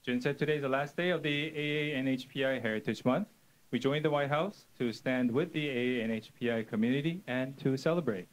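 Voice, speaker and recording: A man's voice: medium pitch, a little fast, low-quality recording. A man working as an interpreter, relaying statements in a formal, orderly way at an official event.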